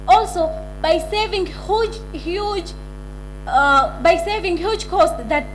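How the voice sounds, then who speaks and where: A young woman with a Zanzibari accent giving a formal, rehearsed business pitch to an audience, stumbling over some words. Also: a bit bright, low-quality recording. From Zanzibar, Tanzania. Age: young adult.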